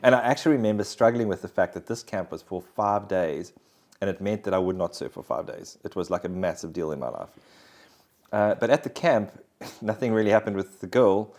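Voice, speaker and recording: Guy with a deep low voice, telling his story all earnest and thoughtful. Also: fairly quick, darkish tone. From South Africa. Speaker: interview guest sharing faith story. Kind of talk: conversational personal testimony.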